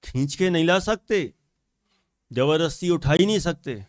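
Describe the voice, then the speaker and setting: A man's voice: on the high side, animated, unhurried, no room sound, studio quality. A man with a Hindi accent giving a scripture lecture, explaining patiently with rhetorical questions and repeated phrases. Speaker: Jain scripture teacher.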